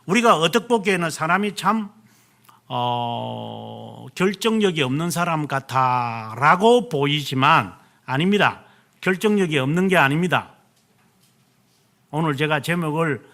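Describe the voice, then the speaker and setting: A man's voice: fairly high pitch, pushed and bright. Emphatic male pastor preaching. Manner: emphatic, stretches key words slowly; answers himself with "예". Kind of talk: sermon.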